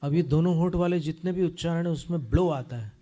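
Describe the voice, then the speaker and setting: A man teaching careful pronunciation of a Sanskrit hymn, explaining sounds patiently and chanting the verse lines slowly into a close microphone. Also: a little high, dark tone.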